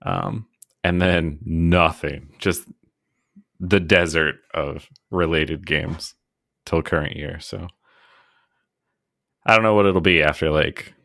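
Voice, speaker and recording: Deep-voiced man chatting on a podcast. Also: slow pace, gravelly, long pauses, a bit bright, dry recording, clean studio sound. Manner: chatty and self-deprecating, often laughing. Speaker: podcast co-host. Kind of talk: casual chat.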